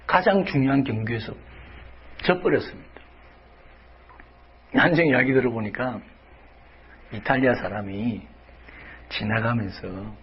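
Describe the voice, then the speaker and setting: A man's voice: mid-range voice, muffled recording, a little hiss or hum. A male pastor preaching a sermon dramatically, dropping to whispers and rising to cries.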